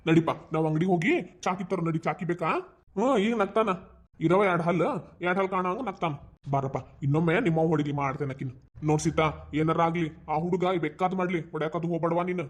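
An actor voicing a gentle, indulgent grandfather in a cartoon, with a North Karnataka Kannada accent, soothing and calming. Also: a little high, fast, close to an everyday voice. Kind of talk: cartoon voice acting.

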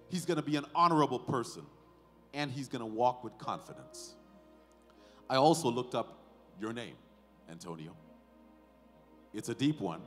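A pastor leads a baby dedication in a large indoor church sanctuary, delivering a sermon and ceremonial address to the family and congregation. He speaks at medium pitch in deliberate short phrases, stressing words emphatically and asking rhetorical questions, with hall reverb and faint music behind.

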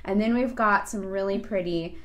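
A woman's voice: medium pitch, normal speed. A woman co-hosting a live beading show, chatting casually and gushing over each item with many fillers. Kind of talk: casual live product chat.

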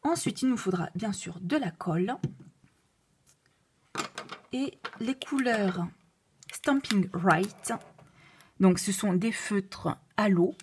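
A woman with a noticeable foreign accent, walking through a craft tutorial with many fillers and self-corrections, at times dropping to a soft whisper. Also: mid-range voice, slow pace, long pauses, husky. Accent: non-native French accent. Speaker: card-making demonstrator.

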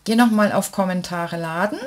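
A woman's voice: fairly low pitch, normal speed, slight background noise. A woman hosting a casual giveaway announcement, chatting step by step and addressing her viewers fondly. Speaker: craft channel host announcing giveaway winners. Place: indoors at a desk with a laptop.

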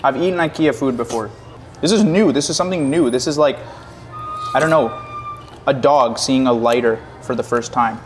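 A man's voice: medium pitch, moderate pace, faint music behind. A young man co-hosting a casual food mukbang, talking playfully between bites in a restaurant. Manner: playful, exclamatory, talks while eating. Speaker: co-host. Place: restaurant in Toronto.

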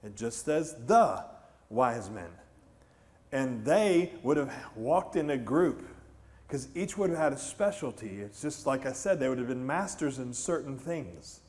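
Speaking at a medium pitch and an unhurried pace, a middle-aged American man preaches a conversational sermon on a large church stage indoors. He tells the story with animation and asks his congregation questions as he goes.

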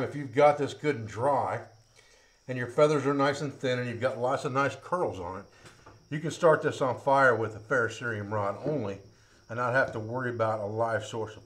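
A middle-aged man teaching outdoor skills in a plain, practical way. He talks as he works with his hands, at an ordinary pitch for a man. He is picked up by a camera mic a few feet off. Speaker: bushcraft instructor. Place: outdoors by woods, then an open-sided metal shed.

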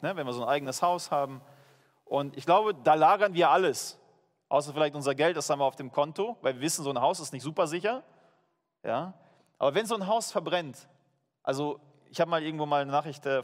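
A man preaching a sermon to his church in a lively, emphatic, informal way, with fillers and restarts. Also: medium pitch, in a large hall. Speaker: pastor. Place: church hall.

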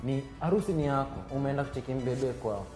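A young man in a comic skit, talking in an animated, slangy way in a small studio. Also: medium pitch, quick pace, reverberant, music in the background. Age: young adult.

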